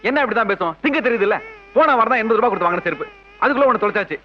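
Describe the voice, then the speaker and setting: A man's voice: high-pitched, animated, dull audio. An actor playing a thrifty, irritable middle-aged father who scolds his family and grumbles about money. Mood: grumbling. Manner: grumbling, scolding, quick-tempered. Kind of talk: film scene acting.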